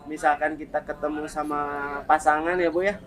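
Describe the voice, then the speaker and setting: A man's voice: on the high side, flat delivery, moderate pace, fairly bright tone, low-quality recording. A man who works as an ambulance driver and relief volunteer, telling earnest stories in a podcast interview with many hesitations.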